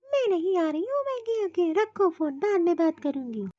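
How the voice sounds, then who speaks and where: A woman's voice: extremely high pitch, sing-song, normal speed, warm tone, no room sound, lo-fi sound. A woman voicing a sly, tattling young sister-in-law in a cartoon, whining and complaining. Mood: annoyed. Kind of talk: cartoon voice acting.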